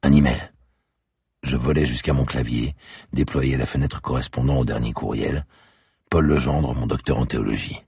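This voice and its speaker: A man narrating a literary story in the first person with a measured, intimate delivery. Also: extremely low pitch, fairly even intonation, vocal fry, a little mellow, slightly rough, dry recording, clean studio sound.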